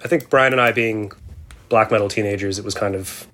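A man's voice: fairly low pitch, fairly even intonation, a little fast, bright, forceful tone. A man in his late thirties in casual podcast chat, laid-back and amused. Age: 30s.

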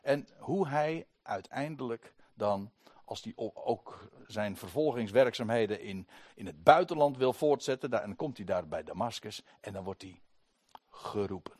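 A man's voice: fairly low pitch, lively intonation, moderate pace, darkish tone, dry recording. A man giving a Bible study sermon to a congregation, retelling scripture emphatically with many restarts and asides. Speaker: Bible teacher.

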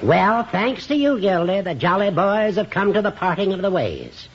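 An actor playing a fussy, theatrical, argumentative old judge in a 1950s radio comedy. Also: male voice, sits high, sing-song, normal speed, slightly rough, full character voice. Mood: indignant. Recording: muffled, lightly noisy old radio recording.

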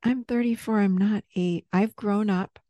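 A woman therapist gently guiding someone through a parts-work session with patient, step-by-step prompts. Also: mid-range voice, steady tone, unhurried, no room sound, clean studio sound.

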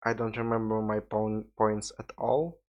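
A man's voice: fairly low pitch, flat delivery, measured pace, a little mellow. A tired man with a Russian accent, hosting a solo podcast in a rambling, informal way with some swearing. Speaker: podcast host. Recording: dull lo-fi recording.

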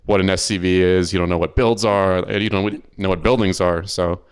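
A man hosting a podcast, relaxed and curious, asking follow-up questions. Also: low voice, a little fast, clear, resonant tone, no echo, clean studio sound. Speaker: podcast host. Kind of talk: casual interview chat.

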